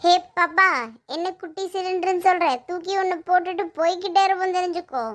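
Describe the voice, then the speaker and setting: A woman voicing a bold, quick-tempered young housemaid in a cartoon, scolding and pleading by turns. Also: very high voice, level tone, a bit bright. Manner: scolding, pleading, then panicky. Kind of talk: cartoon voice acting.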